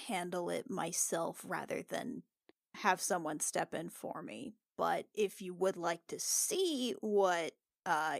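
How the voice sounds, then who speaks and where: Female tabletop player, unhurried and tentative, casual improvised description, close dry sound. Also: lowish voice, creaky, a bit bright, dry recording.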